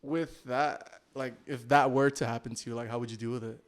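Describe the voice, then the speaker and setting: A man's voice: medium pitch, steady tone, brisk. A young man co-hosting a podcast, casually telling self-deprecating personal stories and often laughing as he talks. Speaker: podcast co-host. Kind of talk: casual chat, personal storytelling.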